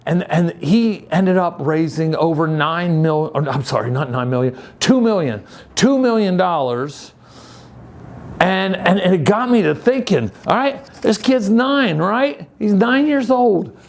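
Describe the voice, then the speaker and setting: A man in his sixties giving a casual, upbeat youth-pastor style talk, conversational and halting, repeating phrases for emphasis. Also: high voice, expressive, slight background noise. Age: 60s. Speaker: youth group leader.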